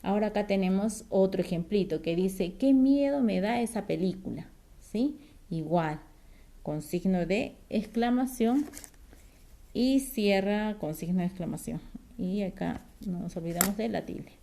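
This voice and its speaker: A woman teaching a grammar lesson to children, patient and careful, often checking in with a quick question. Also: mid-range voice, dark tone. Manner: slow, careful explaining with fillers and restarts.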